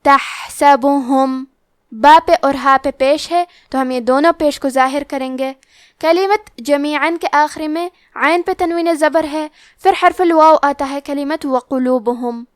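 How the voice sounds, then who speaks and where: A woman with a Pakistani Urdu accent teaching Quran recitation rules, explaining each one in a measured way and then reciting the words slowly. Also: high voice, dry recording, studio quality. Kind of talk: tajweed lesson with slow recitation.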